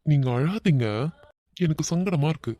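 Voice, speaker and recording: A performer voicing an easygoing, teasing young man in a cartoon, with a Kanyakumari Tamil accent and a soft, coaxing way of talking. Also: mid-range voice, fairly even intonation, fairly quick, no room sound, natural voice. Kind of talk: cartoon voice acting.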